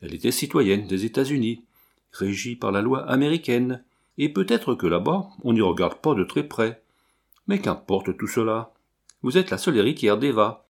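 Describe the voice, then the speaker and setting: A man's voice: mid-range voice, a little mellow. An ardent young officer speaks with earnest urgency, as a man reads him aloud. He is wounded yet passionate, pressing his points plainly. The voice stays close to a reader's own.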